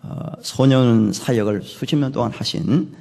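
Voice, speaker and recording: A man pastor preaching an animated sermon that acts out dialogue, in a long-reverb church. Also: medium pitch, measured pace, vocal fry.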